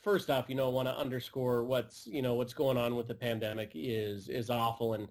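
A man's voice: mid-range voice, flat delivery, a little fast, darkish tone. A man from a game publisher guesting on a podcast, talking earnestly in casual chat with fillers.

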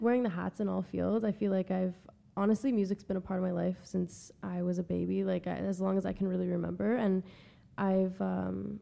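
A woman with a mellow, slightly gravelly voice co-hosts a casual podcast. She rambles warmly, full of "like" and "um", and nudges her guest along. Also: mid-range voice. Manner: rambling, filler-heavy, encouraging. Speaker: podcast co-host. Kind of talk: casual chat.

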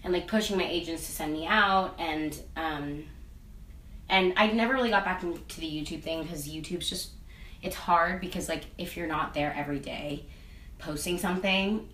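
A young adult woman, a singer and actress, chats casually in an interview in a lowish, slightly bright voice at a moderate pace. She rambles, leaning heavily on "like" and "um." The mic sits at a distance in an echoey room, picking up faint ambience and a little hiss or hum.

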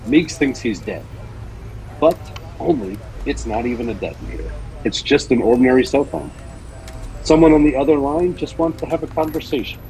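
A man co-hosting a podcast, talking in a relaxed conversational storytelling register. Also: medium pitch, normal speed, low-quality recording. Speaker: podcast co-host. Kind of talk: casual chat and dramatic story reading.

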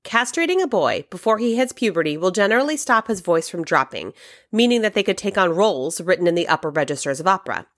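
A woman's voice: fairly low pitch, sing-song, fast talker. A woman hosting a podcast, reading scripted narration in an upbeat, welcoming show-host manner.

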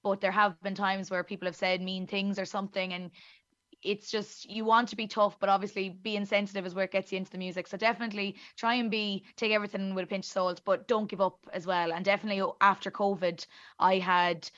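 A chatty Irish woman talks as a guest on a radio show, self-deprecating and quick to laugh at herself. Her voice sits at a middle pitch. The sound is dry and a little dull. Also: level tone, fairly bright tone, dry recording. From Ireland. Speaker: musician guest. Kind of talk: casual interview chat.

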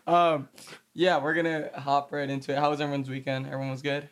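A man's voice: a little high, level tone, quick pace. A man hosting a casual, slangy podcast with friends, sounding sick and tired with a shot voice. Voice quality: worn-out voice from being under the weather. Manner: slangy, joking. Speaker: podcast host.

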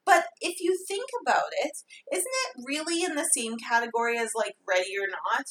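Bright, excitable, lively-pitched woman. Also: moderate pace. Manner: excitable, rambling, peppered with "like". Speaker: podcast co-host. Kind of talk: casual chat. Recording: roomy echo.

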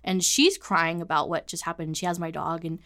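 A woman co-hosting a podcast, telling a story in a casual, animated way, full of swearing and "like" fillers. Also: lowish voice, brisk. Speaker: podcast co-host.

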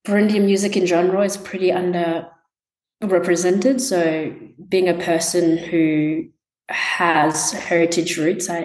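A young woman from Tanzania, a musician answering interview questions in a soft, halting way with many ums. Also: lowish voice. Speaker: musician guest. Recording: echoey room.

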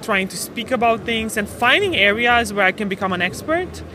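Woman, from Romania, thirties, podcast guest, explanatory, high voice, noisy urban background. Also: lively intonation, normal speed. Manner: explanatory, matter-of-fact. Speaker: startup co-founder, guest. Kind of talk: podcast interview. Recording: noisy street ambience behind.

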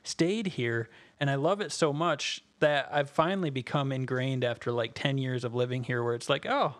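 A man's voice: mid-range voice, moderate pace. A man from Minnesota with a Minnesota accent, hosting a casual interview in an easygoing way and laughing often. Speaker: podcast host.

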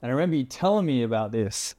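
A man's voice: medium pitch, lively intonation, very fast, mellow. Laid-back, swearing man hosting a podcast. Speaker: podcast host. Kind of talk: casual chat.

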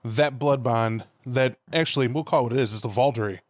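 A man's voice: mid-range voice, brisk, no echo. A man co-hosting a podcast in casual chat, emphatic and given to repeating phrases for weight. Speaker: podcast co-host.

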